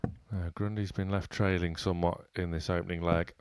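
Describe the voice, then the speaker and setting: A man's voice: deep voice, level tone, moderate pace, darkish tone, a little hiss or hum. A man giving live darts commentary as the lead commentator, with polished, wordy phrasing.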